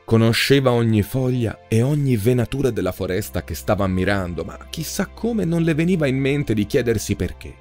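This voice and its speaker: Guy reading a fairy-tale style story, lots of lift and fall in his voice, soft music under it. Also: mid-range voice, expressive, fairly quick, hardly any pauses. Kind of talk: scripted narration of a short story.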